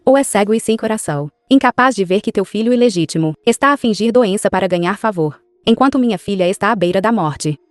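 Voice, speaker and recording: Uma mulher fazendo uma mãe nobre e feroz. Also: female voice, medium pitch, expressive, quick pace, few pauses, no room sound, soft background music, natural voice. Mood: angry. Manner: accusing, then desperate pleading. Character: grieving mother, noble general's wife, fierce. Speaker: dubbing actress.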